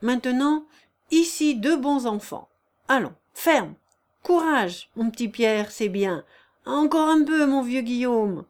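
A woman's voice: medium pitch, animated, unhurried, darkish tone, lightly acted. Woman reading as a hearty, blunt peasant. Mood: rallying. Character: brusque, cheerful strong male peasant worker.

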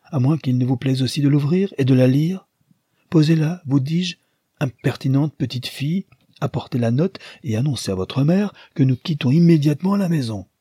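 A man with a husky voice voicing an impetuous young wife who scolds with imperious, haughty commands. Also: lowish voice, unhurried, dark tone, no echo, clean studio sound. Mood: furious. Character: impetuous young wife, tender then fiery-tempered.

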